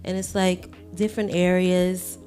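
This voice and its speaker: Slow-talking frank woman podcaster. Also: lowish voice, level tone, warm tone, soft background music. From Washington, D.C. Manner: candid, frank, swears casually. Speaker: podcast co-host. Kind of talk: casual chat.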